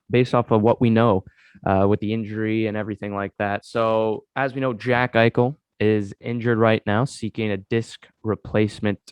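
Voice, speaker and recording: A man with a fairly low, clean-toned voice and no room sound hosts a casual sports podcast while congested from a cold. He rambles, drops lots of "uh" fillers and keeps talking to his co-host.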